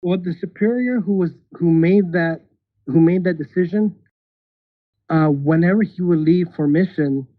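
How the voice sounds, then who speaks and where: This thirtysomething man, a guest on a podcast, has a voice that sits high and moves at normal speed, without room sound. He chats casually, stumbling into restarts and laughing nervously, and the audio is tinny like a phone call.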